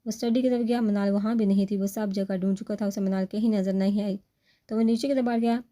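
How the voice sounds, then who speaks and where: A woman narrating a romantic story in a steady, even reading manner. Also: mid-range voice.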